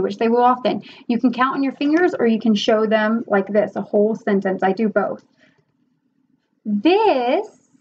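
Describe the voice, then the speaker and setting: A young woman giving tips on teaching online, in a casual instructional style that slides into slow, exaggerated sing-song demo words. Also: on the high side, darkish tone. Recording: slightly dull lo-fi sound with faint hiss.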